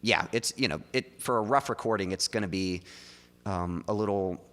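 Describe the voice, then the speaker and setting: Low-voiced man chatting on a stream. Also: moderate pace, a bit bright, long reverb tail. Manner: loose and chatty, full of likes and ums. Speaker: streamer and songwriter. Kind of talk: casual livestream chat. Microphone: studio mic in front of his mouth.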